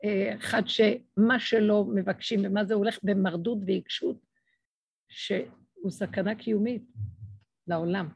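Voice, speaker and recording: A woman's voice: steady tone, vocal fry, a little mellow, slightly rough, no echo. A middle-aged woman giving an emotional religious talk to an audience, acting out dialogues as she speaks. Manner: impassioned, acts out dialogues with swinging pitch.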